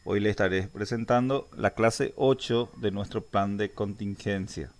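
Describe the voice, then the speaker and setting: A man's voice: lowish voice, unhurried, a little mellow. A male teacher, giving a recorded grammar lesson and explaining step by step with frequent "eh" fillers and restarts.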